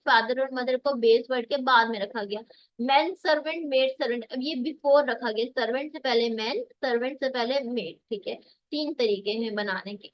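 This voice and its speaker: A woman with a Pakistani accent giving an online grammar lecture, explaining step by step and reading English examples slowly. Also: sits high, no echo, muffled recording. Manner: explains step by step, reads English examples slowly, often checks "theek hai". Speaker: teacher. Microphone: dull dry lo-fi mic on a video call.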